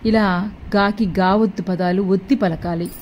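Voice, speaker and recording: Slow, careful woman teacher. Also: mid-range voice, fairly even intonation, highs cut off, a little hiss or hum. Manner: slow, carefully enunciated, repeats each word. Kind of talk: reading lesson for children.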